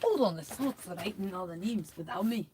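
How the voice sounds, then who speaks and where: A young woman co-hosting a livestream, joking crudely and loudly and breaking into shouts. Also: medium pitch, animated, fairly quick, a little hiss or hum. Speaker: singer and livestream host. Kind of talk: rowdy casual chat on a livestream.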